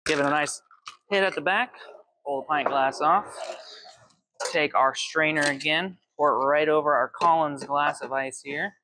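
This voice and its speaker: A man's voice: fairly high pitch, normal speed, pushed and bright, a little hiss or hum. A young man in his twenties working as a bartender, walking through cocktail recipes step by step at an indoor bar. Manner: friendly step-by-step instructions while mixing. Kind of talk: cocktail demonstration. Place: indoor bar with shelves of bottles.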